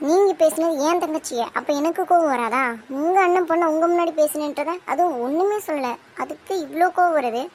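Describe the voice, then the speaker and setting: A woman's voice: high-pitched, a little fast, lightly acted. A woman voicing a young bride-to-be in a cartoon soap drama, talking back firmly and cuttingly to defend her younger sister. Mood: defiant. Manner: firm, defiant, cutting.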